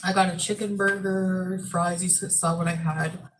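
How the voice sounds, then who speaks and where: Woman vlogger w lowish voice just chatting, rambly storytime, bit of background noise. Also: flat delivery, normal speed, poor audio. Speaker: video host telling a travel story.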